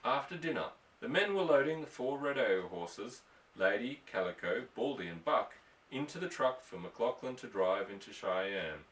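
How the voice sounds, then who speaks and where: Here a man narrates an audiobook story in a scripted style, his mid-range voice a bit bright, lively in intonation and normal in speed. An echoey room and a distant mic shape the recording.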